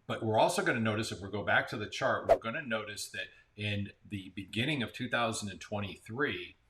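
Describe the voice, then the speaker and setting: A man's voice: lowish voice, a little fast, very noisy. An American man co-hosting a casual real estate market chat, explaining figures with frequent restarts. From Central Florida. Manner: conversational, explains numbers with restarts. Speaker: real estate agent, co-host.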